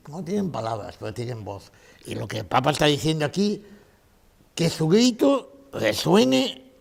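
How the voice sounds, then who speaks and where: A man's voice: on the high side, gravelly, husky. A man giving a conference lecture, emphatic, repeating his key phrases and asking rhetorical questions.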